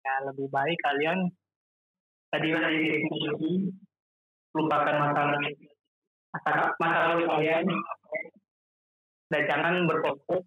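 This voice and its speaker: A man talking over a call from a boarding-house room, his voice carrying a cave-like echo, speaking haltingly and restarting phrases. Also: a little high, little pitch movement. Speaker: guest on a call. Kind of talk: casual call-in advice. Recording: muffled call line with cave echo and noise.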